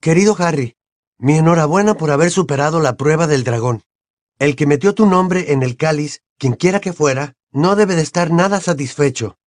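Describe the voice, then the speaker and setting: A man's voice: fairly high pitch, normal speed, no echo, pitched above the performer's own voice, close to an everyday voice. A man voicing a teenage boy wizard who talks in a dry, slightly exasperated way. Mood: earnest. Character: teenage boy wizard, wry and a little defensive.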